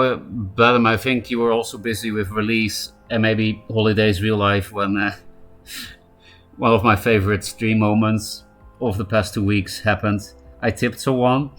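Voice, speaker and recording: The voice is on the low side and a bit bright. It belongs to a man with a Polish accent who chats casually during a live card-game stream, greeting viewers by name and adding quick asides.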